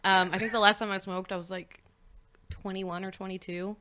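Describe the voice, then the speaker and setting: A woman's voice: medium pitch, flat delivery, brisk, pushed and bright. A woman in her twenties with a Texan accent, chatting candidly as a guest, swearing freely and laughing at herself. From Paris, Texas. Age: 20s. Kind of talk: casual chat.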